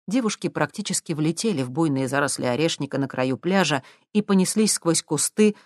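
An audiobook narrator reads in a steady, even storytelling manner at a middle pitch. The recording is close and dry, with no room sound. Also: no echo.

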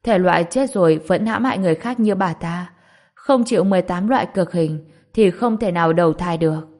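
Audiobook role: a curt, haughty ruler of the underworld, cold and low-pitched, read by a woman in a barely changed voice. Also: fairly quick, darkish tone, lightly acted. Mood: irritated. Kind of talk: audiobook character voice.

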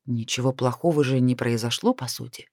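A man steadily narrating a first-person fantasy audiobook in an even storytelling manner. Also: medium pitch, fairly quick, no echo, studio quality.

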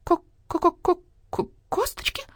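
A woman voicing a proud, naive hen who talks in a shrill, clucking way. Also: a little slow, dry recording, clean studio sound, close to an everyday voice. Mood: alarmed.

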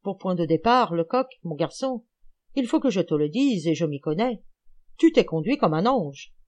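A woman reading an audiobook, voicing an elderly, gouty male amateur detective who is excited, teasing and lecturing. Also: on the low side, normal speed, lightly acted. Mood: jubilant.

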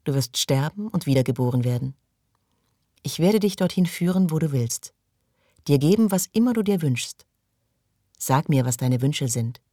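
A man's voice: a little high, lively intonation, moderate pace, pauses often, mellow, dry recording, clean studio sound, natural voice. Audiobook figure: soothing, serene male guide, read by a man.

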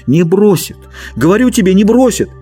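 Childlike big guy begging and insisting , a man doing the voice, husky and up and down. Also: fairly high pitch, expressive, normal speed, warm tone, faint music behind, voice pushed up. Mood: pleading. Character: big simple-minded grown man, childlike and pleading. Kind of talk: audiobook character voice.

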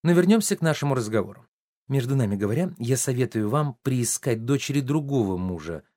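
A saucy, quick-tongued maid who never backs down, read by a man. The voice stays in a plain male register with a lively, bouncing intonation, recorded close and dry. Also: mid-range voice, no echo, lightly acted. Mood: pert. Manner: pert, teasing, stubbornly contrary. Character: cheeky young female maid, sharp-tongued. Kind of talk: play reading.

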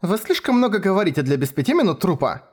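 A blunt young journalist, dry and grumbling, voiced by a man. Her lines sit a little higher than his own voice, with a flat, sardonic edge. It is read like an audiobook. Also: fast, exaggerated voice. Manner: gruff, sardonic.

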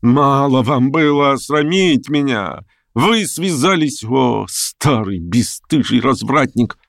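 A man voicing a hot-tempered, imperious older noblewoman who scolds and commands in shrill outbursts. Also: sing-song, a little slow, no room sound, clean studio sound. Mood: outraged.

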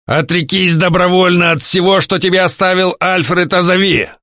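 A man's voice: high voice, steady tone, moderate pace, bright, forceful tone, no echo, studio quality, voice pushed up. A man voicing a masked male conspirator leader who speaks coldly and curtly, with menace. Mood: grim. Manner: cold, curt, irritable.

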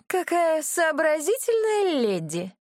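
A woman voicing a haughty, crazed young noblewoman villain who talks in a shrill, domineering, threatening way. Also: animated, normal speed, no echo, studio quality. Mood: mocking.

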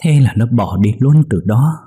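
A man with a low, husky voice playing a grave, sorrowful old man in a spoken horror story. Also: dark tone. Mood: somber. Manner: slow, heavy, somber.

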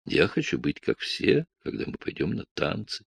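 A man reading aloud and voicing a timid but brave middle-aged woman who speaks gently and hesitantly. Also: deep voice, sing-song, moderate pace, gravelly, slightly rough, no room sound, exaggerated voice.

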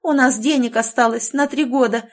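Woman doing a shrill hysterical noble mother. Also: steady tone, moderate pace, lightly acted. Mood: commanding. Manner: shrieking, wailing, domineering.

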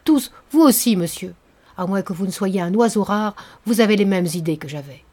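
A woman's voice: mid-range voice, fairly quick, a little mellow, lightly acted. A woman reading the lines of a bitter, tormented middle-aged nobleman in an audiobook of a novel, speaking as an intense, brooding confession. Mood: agitated.

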